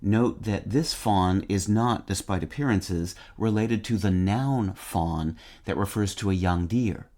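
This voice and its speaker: A word-of-the-day host reads a short vocabulary script in a measured, wry, precise way, spelling words out letter by letter. His voice is lowish with a dark tone.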